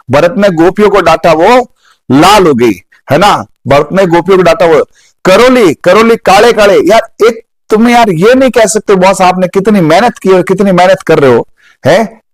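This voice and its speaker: Male teacher, high voice, dry close sound, animated and jokey, runs a live online exam-prep class with memory tricks. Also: moderate pace, no echo, rough recording. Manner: animated, jokey, chats with viewers' comments.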